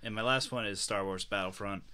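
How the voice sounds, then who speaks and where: A man's voice: fairly low pitch, steady tone, brisk, sharp tone, clean tone. A man co-hosting a podcast, talking about video games in a blunt, casual way with plenty of swearing. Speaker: podcast co-host. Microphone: podcast microphone.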